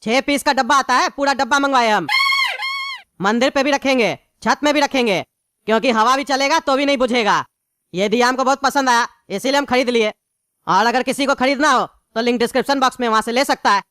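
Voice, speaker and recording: A woman's voice: sits high, a little fast, fairly bright tone, no room sound. A woman voicing a cheerful cartoon father who explains and promotes a product in an upbeat manner. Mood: salesy. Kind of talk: cartoon voice acting.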